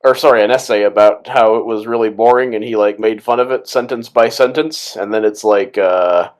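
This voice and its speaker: A man's voice: fairly low pitch, steady tone, a little fast. A man co-hosting a casual movie commentary podcast, talking loosely with lots of fillers and laughs. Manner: rambling, laughing, filler-heavy. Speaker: podcast co-host.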